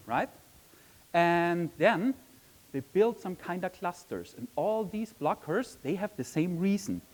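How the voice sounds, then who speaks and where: An Austrian man gives a conference presentation in a session room, his voice sitting high and the audio quality poor. He speaks in a chatty way, often saying "um" and tacking on the tag question "right?".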